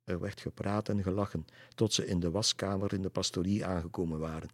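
A man reading a storybook aloud in a calm, even manner. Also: sits low, brisk. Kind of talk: storybook narration.

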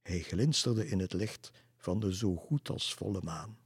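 A man calmly reading a children's story aloud. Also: low-pitched, unhurried, breathy edge, no echo, clean studio sound.

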